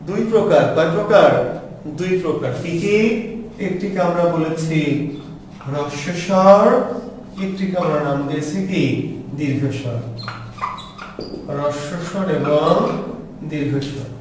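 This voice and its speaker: A man's voice: fairly high pitch, measured pace, pauses often. Male teacher who asks and answers his own questions, recorded from afar with faint noise behind. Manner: asks questions and answers them himself, repeats "ঠিক আছে?". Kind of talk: classroom lecture on pronunciation. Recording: echoey room heard from a distance, faint background noise.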